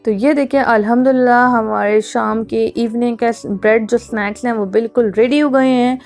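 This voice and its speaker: A woman's voice: fairly high pitch, fairly even intonation, moderate pace, darkish tone, faint music behind. Chatty cooking host woman. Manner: chatty, instructive, repeats herself. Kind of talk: home cooking tutorial voice-over.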